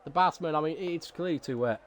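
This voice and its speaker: A man commentating a sim racing league race, excitable at big moments and later deliberately subdued. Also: on the high side, a little hiss or hum.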